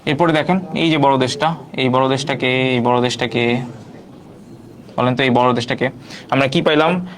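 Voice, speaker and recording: A man's voice: mid-range voice, fairly even intonation, normal speed. A man teaching an online quiz class, repeating each question and prompting viewers to answer.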